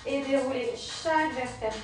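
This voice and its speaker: A woman with a high voice leads a Pilates session, gently pushing her students through each move and breath. She sounds set back from the mic in a strongly echoing room, with faint music in the background. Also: unhurried, recorded from a distance. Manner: encouraging, cueing breath and movement step by step. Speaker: Pilates and yoga instructor. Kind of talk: guided exercise class instruction.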